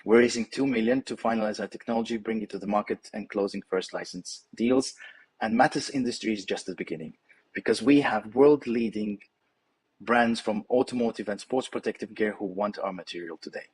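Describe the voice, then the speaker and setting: Male founder, confident rehearsed pitch delivery, lower register, faint background noise. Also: brisk, a little mellow, rough recording.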